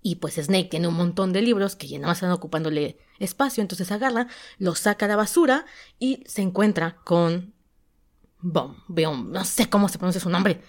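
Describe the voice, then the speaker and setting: Chatty Mexican woman, lowish voice. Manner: chatty, often pauses to search for words. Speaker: podcast host and novelist. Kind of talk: casual storytelling, recapping a story.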